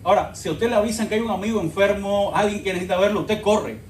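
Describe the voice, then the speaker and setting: High-voiced man preaching in an echoey church. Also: fast talker, far from the mic, a little hiss or hum. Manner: dramatic storytelling, addresses the congregation as brothers. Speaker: pastor. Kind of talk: sermon.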